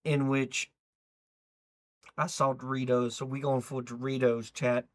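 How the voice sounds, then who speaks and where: A man's voice: medium pitch, little pitch movement, measured pace. A man streaming live, reacting to a video in loose, rambling chat, swearing and talking to his viewers.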